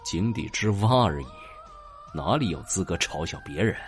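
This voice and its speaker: A man's voice: on the low side, very animated, a little slow. A man playing an arrogant young fighter with great power, who speaks in a curt, mocking and coolly commanding way, with faint music behind him. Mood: cold, scornful.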